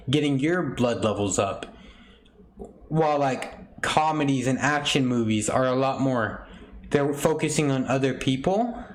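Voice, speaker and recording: A man's voice: mid-range voice, slight background noise. Young guy hosting a podcast, rambly and jokey, voice jumps all over. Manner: rambling, jokey, laughs often. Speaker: podcast host. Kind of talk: casual chat.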